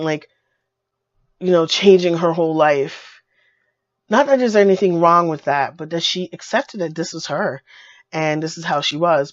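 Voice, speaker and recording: A deep-voiced woman with a cold, whose voice is turning hoarse, gives a casual, gushing book review on video, full of fillers and repeated words. The recording is dry and lo-fi, with a dull sound.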